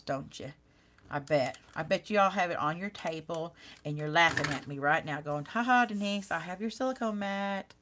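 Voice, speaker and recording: Woman, craft stream host, casual, chatty, self-teasing, slightly low voice. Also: pushed and bright, a little hiss or hum. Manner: chatty, talks directly to live viewers; self-teasing, laughs at herself. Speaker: card-making channel host. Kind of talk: casual live craft demonstration.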